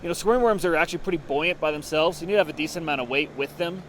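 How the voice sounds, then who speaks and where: Fly fishing instructor, man, slightly high voice, casual outdoor demo with faint road noise. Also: very fast. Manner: casual, explanatory, thinking aloud. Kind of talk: on-the-water instruction. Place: outdoors at a creek.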